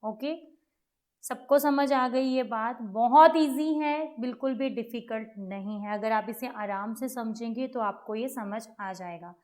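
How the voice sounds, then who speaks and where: A woman teaches beginners over a screen share, her voice a touch higher than most. She explains patiently, repeats each step and keeps checking that everyone has followed. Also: a little slow, darkish tone. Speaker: trading educator.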